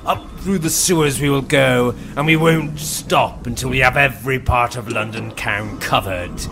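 An actor playing a gloating, vain rat king in a radio pantomime, sneering his rhymes in a drawn-out way. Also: mid-range voice, creaky, over music, lightly acted. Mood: gloating, menacing. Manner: sneering, rhyming, drawn-out delivery. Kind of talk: pantomime radio play acting.

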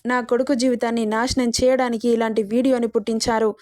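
A woman's voice: a little high, flat delivery, fairly quick, a little mellow, no room sound, studio quality, close to an everyday voice. A woman voicing a protective middle-aged mother who scolds in an indignant way in a storybook reading. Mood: scolding, indignant. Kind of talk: storybook narration.

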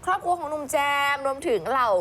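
Brief: female entertainment news co-host, rapid playful patter, faint noise behind. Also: high-pitched, sharp tone. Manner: quick, playful banter with co-host. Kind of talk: lively co-hosted entertainment news chat.

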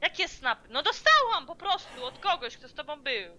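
A woman's voice: high voice, very animated, normal speed, pushed and bright. A woman moderating a stream, teasing and nagging the streamer with heavy swearing in casual bickering chat. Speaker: channel moderator.

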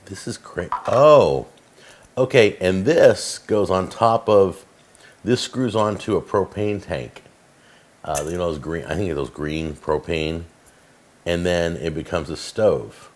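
Deep-voiced man demoing kitchen gadgets. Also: takes it slowly. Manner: chatty, enthusiastic, filler-heavy. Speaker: cooking show host. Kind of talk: casual product demo. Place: home kitchen, indoors.

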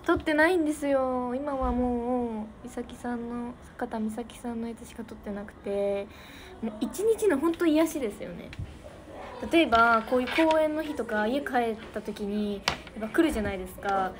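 On a noisy livestream, a young woman with a Niigata accent giggles her way through casual fan chat and calls out viewers by name to thank them. She's an idol streamer whose voice runs on the high side at a moderate pace.

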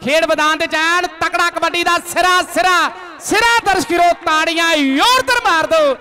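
A man commentates a kabaddi match. His voice sits extremely high with a forceful, bright edge. He declaims folk verse and repeats his phrases insistently. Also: moderate pace.

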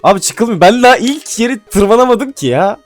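A man giving casual gameplay commentary, excitable and swearing casually, then dropping to mumbling asides. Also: very high voice, moderate pace, dry recording. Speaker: gaming YouTuber. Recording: faint music behind.

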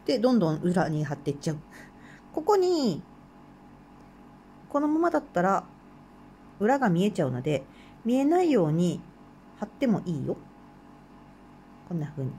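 A woman's voice: mid-range voice, sing-song, moderate pace, long pauses, mellow, a little hiss or hum. A woman with a Hokkaido Japanese accent, hosting a craft channel and chatting casually while she works, laughing often and murmuring to herself. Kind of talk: casual craft tutorial chat.

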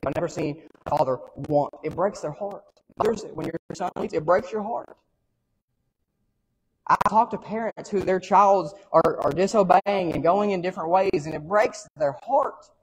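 A man's voice: high voice, moderate pace, in a large hall, a little hiss or hum, rough recording. A male pastor from the preaching an earnest sermon and repeating phrases for emphasis.

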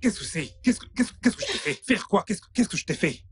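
A man's voice: high voice, expressive, fast, breathy edge, full character voice. A man dubbing a broke young man who pretends to be rich, stammering and pleading with his girlfriend. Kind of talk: French dub of a film.

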